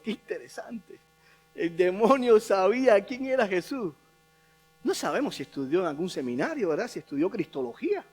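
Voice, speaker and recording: Male pastor with a very high voice, emphatic preaching that repeats its points. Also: a bit bright. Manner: emphatic, repeating key phrases for stress. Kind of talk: sermon.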